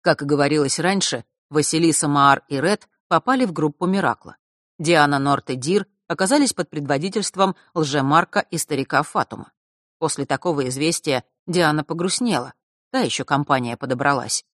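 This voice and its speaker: A woman narrating a fantasy audiobook in a steady, measured storytelling manner. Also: low voice, no room sound, studio quality. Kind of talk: scripted narration.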